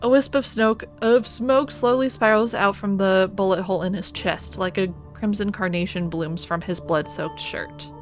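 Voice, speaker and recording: A woman streaming a video game, reading out story text and commenting on it in an expressive, theatrical way. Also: medium pitch, moderate pace, hardly any pauses. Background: music.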